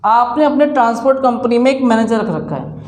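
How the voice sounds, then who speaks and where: His voice is very high, expressive, and fairly quick as he lectures a class. The man explains step by step, throws questions at the students and answers them himself, and the recording has a roomy echo.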